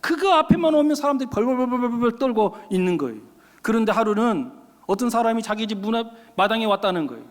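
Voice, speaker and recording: High-voiced pastor in a reverberant church. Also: male voice, lively intonation, quick pace. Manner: emphatic, folksy, drops into casual speech. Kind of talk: sermon with storytelling. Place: church sanctuary. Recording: long reverb of a church hall.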